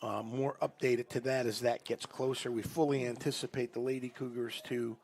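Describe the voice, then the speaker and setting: A man adds color commentary during a softball game in a mid-pitched, everyday voice. He explains stats and news in a chatty, easygoing way. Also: flat delivery, moderate pace, a little hiss or hum.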